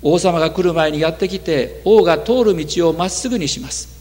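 A man preaching a sermon in a measured way, his voice dropping low at the ends of phrases. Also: a little mellow. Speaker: pastor. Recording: long hall reverb.

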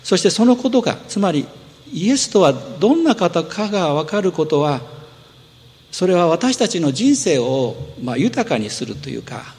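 A man preaching a sermon as pastor, explaining earnestly and gently with rising emphasis, in a church sanctuary. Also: high voice, big pitch swings, moderate pace. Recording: long hall reverb.

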